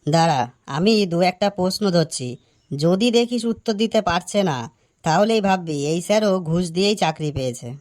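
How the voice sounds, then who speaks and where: A man's voice: high-pitched, lively intonation, normal speed, darkish tone. A man voicing a cheeky, suspicious schoolboy who teases and scolds his friend. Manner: teasing, scolding. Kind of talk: animated cartoon voice acting.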